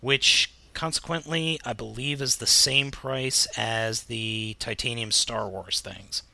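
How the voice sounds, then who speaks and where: Bright-voiced American man with gravelly creak. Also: medium pitch, fairly even intonation, slow pace. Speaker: podcast co-host. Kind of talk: casual chat about toy news.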